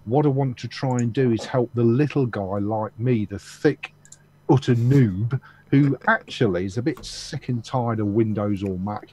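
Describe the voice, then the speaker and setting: A man's voice: mid-range voice, measured pace, mellow, a little hiss or hum. A man with an English accent, chatting casually with others on a video call and making his points with emphasis. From England. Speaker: video chat guest. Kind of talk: casual group chat.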